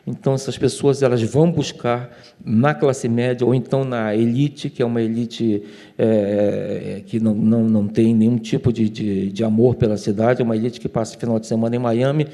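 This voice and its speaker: Mellow-voiced male writer on a panel. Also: mid-range voice, steady tone, moderate pace. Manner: listing, emphatic, with stumbles. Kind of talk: panel talk. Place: auditorium at a literary event. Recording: long hall reverb.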